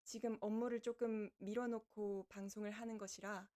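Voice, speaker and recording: A woman's voice: mid-range voice, little pitch movement, normal speed, mellow, natural voice. A woman voicing a kindly, lordly female reaper from the underworld who chats to livestream viewers in archaic speech. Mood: composed, announcing. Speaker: virtual streamer hosting a debut live broadcast. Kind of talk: in-character livestream chat with viewers.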